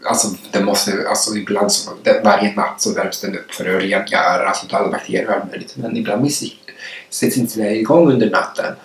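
A man's voice: fairly low pitch, fairly even intonation, a little hiss or hum. A young man vlogger telling work stories while eating, chatty and rambling with many restarts. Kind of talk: casual storytelling while eating. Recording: echoey room, mic some distance away.

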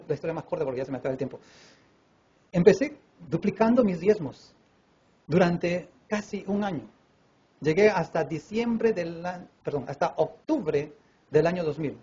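A man's voice: on the high side, husky. A man from Peru with a Peruvian Spanish accent, a preacher telling a personal testimony in a sermon and acting out the dialogue. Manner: animated storyteller who acts out dialogue voices, with many fillers. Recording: dull lo-fi recording with faint room noise.

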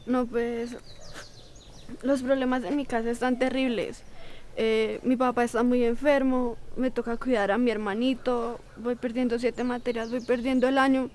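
A woman's voice: a little high, flat delivery, normal speed, a little mellow, natural voice. A young woman playing an anxious, troubled teenage schoolgirl who scares easily, in an amateur horror short. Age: young adult. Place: outdoors on paths and in an empty derelict house. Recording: noisy amateur on-location camera audio.

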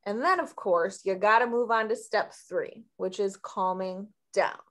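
A woman teacher explaining a classroom lesson step by step in a slow, friendly way. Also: medium pitch, fairly bright tone.

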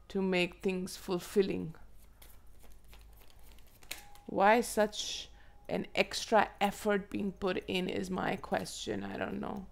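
A woman with a hoarse, froggy voice from a cold, reading tarot to viewers in an unhurried, musing way and asking herself questions aloud. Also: fairly low pitch. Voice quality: froggy, croaky throat. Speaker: tarot reader and channel host. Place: indoors at a table.

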